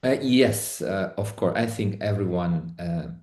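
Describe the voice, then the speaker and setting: A middle-aged Italian man with an Italian accent, speaking as an interview guest in careful English with many pauses and restarts. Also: low voice, a little mellow, roomy sound. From Italy. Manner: thoughtful, many restarts and hesitations. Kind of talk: online interview.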